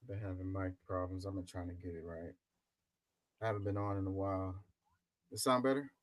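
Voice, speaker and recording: A man hosting a casual livestream over a headset mic, his voice muffled and low as if heard through a wall, talking in a loose, drawling way. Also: steady tone, a little fast, no room sound. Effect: muffled, low sound, as if heard through a wall. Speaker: livestream host. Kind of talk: casual live chat.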